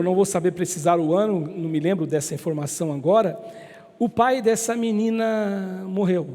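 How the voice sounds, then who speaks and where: High-voiced preacher in a reverberant church. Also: male voice, dark tone. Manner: storytelling preacher, slow emphatic repetitions. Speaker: pastor. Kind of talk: sermon.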